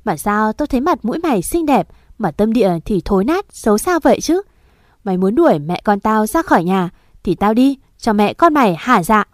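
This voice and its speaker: A woman voicing a spiteful, scheming stepmother in an audio story, hurling fast, loud accusations. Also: on the high side, sing-song, no room sound, studio quality. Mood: spiteful accusing.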